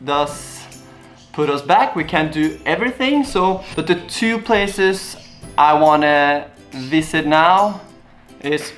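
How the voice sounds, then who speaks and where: A young Norwegian-accented YouTuber speaks slowly and expressively in a somewhat high, slightly bright voice, with soft music in the background. He's doing a casual Q&A to camera, answering viewers in an earnest, rambling way with plain phrasing.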